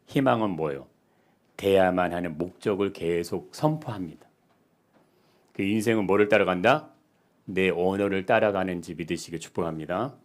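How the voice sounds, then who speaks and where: A male pastor giving a sermon, asking the congregation questions and swinging between soft, quiet lines and loud, emphatic ones. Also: low-pitched.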